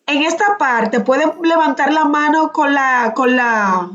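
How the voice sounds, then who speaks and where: A woman's voice: high voice, measured pace, a bit bright, highs cut off, slight background noise. A woman teaching a class over a video call, patiently asking questions and calling on students by name. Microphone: computer mic on a video call.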